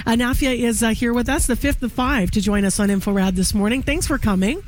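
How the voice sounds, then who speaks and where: A woman's voice: a little high, a little fast, a little hiss or hum. A woman hosting a morning radio show, talking conversationally with frequent fillers. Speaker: radio host. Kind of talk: radio interview.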